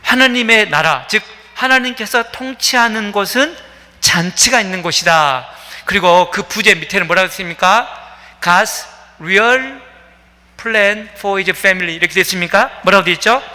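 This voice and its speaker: A man's voice: high voice, animated, measured pace, pushed and bright. A man preaching a sermon as pastor, telling a story with many fillers and acting out the quoted voices. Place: church sanctuary. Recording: long reverb of a church hall.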